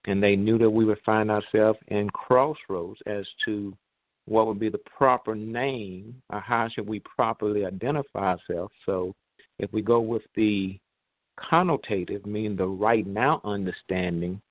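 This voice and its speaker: A man hosting an online radio talk show, heard over a phone line, speaking in a measured way with pauses and fillers. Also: lowish voice, dry recording. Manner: measured, pausing, with many fillers. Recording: tinny, dry phone line.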